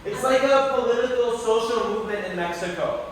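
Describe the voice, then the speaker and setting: His voice is very high and fairly quick as this American man from the New York City area chats loosely with university students, asking them questions amid lots of fillers and self-corrections. The room is echoey, miked from a distance with faint noise.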